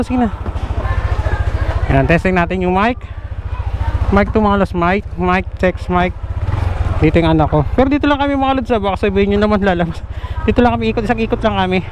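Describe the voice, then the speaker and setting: The background is noisy as a young motovlogger with a high voice chats casually about his motorcycle helmet camera setup. Addressing viewers as "lods" and repeating fillers, he records this how-to vlog on a helmet-mounted action camera mic, starting outdoors at home before riding his motorcycle.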